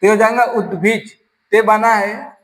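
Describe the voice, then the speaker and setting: A man's voice: high voice, steady tone, a little slow, fairly bright tone, rough recording. A man with a Rajasthani accent teaching an exam-prep grammar lesson, explaining step by step and asking and answering his own questions.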